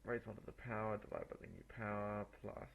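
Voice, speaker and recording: A man working through exam problems aloud as a tutor, halting and muttering through each step in an informal way. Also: on the low side, wildly swooping pitch, vocal fry. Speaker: maths tutor. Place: voice-over on a screen recording.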